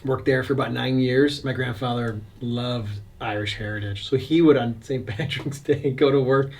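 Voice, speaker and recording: A man's voice: medium pitch, steady tone, moderate pace. A man co-hosting a casual church chat, telling stories in an easygoing way and laughing often. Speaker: church podcast co-host.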